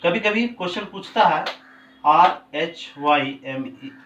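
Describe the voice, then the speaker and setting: A male teacher, explaining a poem to a class, who switches between slowly drawn-out English and quicker Hindi. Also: a little high, expressive, fairly bright tone, far from the mic, dull audio, slight background noise. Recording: roomy, from off the mic.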